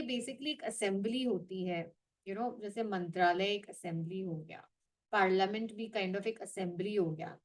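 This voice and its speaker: A woman with an Indian accent, teaching English vocabulary to her channel's viewers in an animated way, switching between Hindi and English. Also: medium pitch. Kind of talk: explaining vocabulary to the camera.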